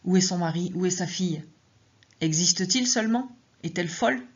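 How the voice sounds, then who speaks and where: A woman author reading her own story aloud in the first person, with measured, tense narration. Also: lowish voice, breathy edge, dull audio.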